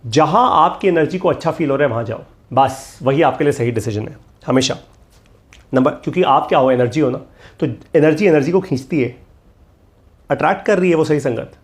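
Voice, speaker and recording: Man, middle-aged, motivational course instructor, emphatic, repeats himself, fairly high voice. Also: brisk. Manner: emphatic, repeats key lines, mixes English phrases. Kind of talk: energetic motivational talk.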